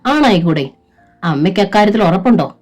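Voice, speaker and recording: A woman's voice: lively intonation, brisk, a little mellow, faint music behind, lightly acted. A woman voicing a stern, domineering older mother-in-law who scolds and lectures. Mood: scolding. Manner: scolding, shrill.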